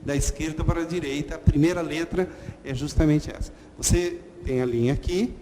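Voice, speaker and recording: A man teaching a lesson slowly and patiently, repeating sounds and checking in with "ok?". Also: a little high, fairly even intonation. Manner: slow, patient, repeats letter sounds, frequent "ok?". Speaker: Hebrew teacher. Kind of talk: online lesson at a whiteboard. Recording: long reverb and faint noise.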